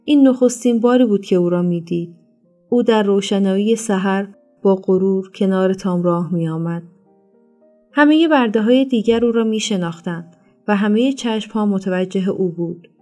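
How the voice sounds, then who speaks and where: A woman reads a novel aloud in a steady, even manner. Her voice is dark and mellow, and soft instrumental music plays faintly beneath the narration. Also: medium pitch. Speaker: storyteller. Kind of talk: audiobook narration.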